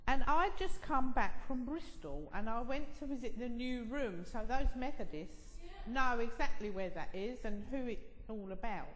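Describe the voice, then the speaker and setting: Female church presenter, informal, lively intonation, long hall reverb. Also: fairly high pitch, normal speed. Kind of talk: informal talk to a congregation.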